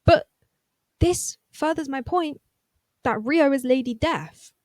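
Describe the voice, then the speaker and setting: A woman recapping a TV episode in a casual, chatty way, full of excitable asides. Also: high voice, takes it slowly, dry recording. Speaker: recap vlogger.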